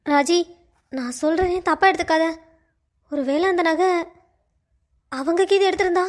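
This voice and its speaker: A woman's voice: extremely high pitch, normal speed. A woman voicing a sly young friend in a cartoon who questions and hints at suspects. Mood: insinuating. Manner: questioning, insinuating. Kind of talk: cartoon voice acting.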